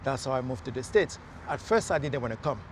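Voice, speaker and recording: A Haitian mayoral candidate speaks earnestly in a casual outdoor interview on a city street near traffic, with lots of fillers and restarts. His medium-pitched voice is animated and fast. There's slight background noise.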